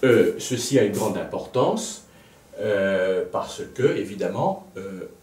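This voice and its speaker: A man teaching a music lesson at a blackboard, pausing to think aloud and repeating words to show where the stress falls. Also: on the low side, lively intonation, darkish tone. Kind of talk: lecture at a blackboard. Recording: echoey room, voice from a distance, faint background noise.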